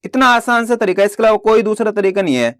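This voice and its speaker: A man teaching Hindi reading in a slow, patient way, asking questions and answering them himself. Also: high voice, expressive, no room sound, studio quality.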